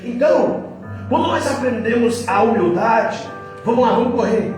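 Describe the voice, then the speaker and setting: A Brazilian man preaching a sermon with lively, dramatic delivery, acting out scenes, with a sore throat, in an echoey hall from a distance with faint music. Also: moderate pace. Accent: Brazilian Portuguese. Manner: animated, acting out scenes, jumping pitch. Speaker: pastor. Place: church hall.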